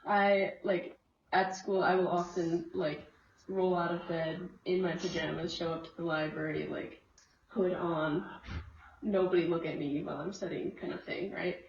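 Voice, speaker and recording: Young woman, low-pitched, roomy and far. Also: fairly even intonation, normal speed. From Minneapolis, USA. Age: young adult. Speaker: interviewed student. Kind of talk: casual chat. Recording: roomy, distant, dull, faint noise.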